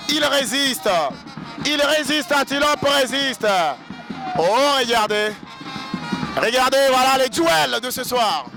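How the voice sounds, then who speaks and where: A man's voice: very high voice, unhurried, gravelly. A man with a Congolese accent commentates wrestling live, exclaiming and repeating key phrases. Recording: loud music behind the commentary.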